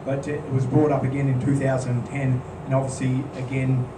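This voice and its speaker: A maintenance contractor with a non-local accent presents a project at a golf club meeting, his mid-range voice moving at normal speed. His delivery is plain and steady, heavy with "um"s. The roomy recording, made on a distant mic, carries a background hum.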